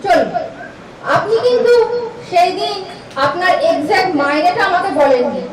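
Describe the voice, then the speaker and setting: A woman's voice: very high voice, animated, moderate pace, a crowd in the background. A young woman with an Indian Bengali accent playing a bold, teasing prospective bride in a light romantic comedy drama, chatty and bossy. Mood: inquisitive, pointed. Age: young adult. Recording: echoey room, distant mic, clear background noise.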